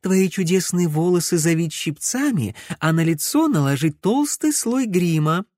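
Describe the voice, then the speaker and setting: A cheerful, gushing young woman, as a male reader puts her on, eager and bubbly. Her voice sits high and lively in a dry audiobook recording. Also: normal speed, dry recording.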